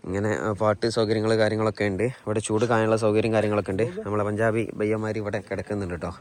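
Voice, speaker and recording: A man with a fairly low voice and a Malayali accent narrates a travel vlog as he shows places around. His talk is casual, and he mixes English words into his Malayalam. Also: flat delivery, very fast. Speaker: travel vlogger.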